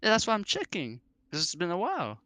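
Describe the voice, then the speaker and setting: A man's voice: high-pitched, wildly swooping pitch, fast, bright, forceful tone, dry recording. A man player in a tabletop game, easygoing and rambling as he checks the rules. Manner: easygoing, rambling, lots of fillers. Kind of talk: casual tabletop game chat.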